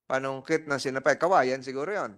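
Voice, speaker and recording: Male hearing chair, mid-pitched voice, probing and repetitive questioning. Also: fairly quick, fairly bright tone. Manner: probing, repeats and rephrases his questions. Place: legislative hearing room.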